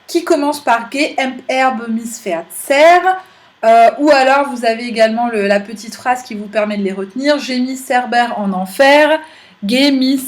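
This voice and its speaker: A woman with a high voice works through a German grammar lesson, explaining each step patiently. She talks like a teacher addressing her class and now and then pauses with an "euh".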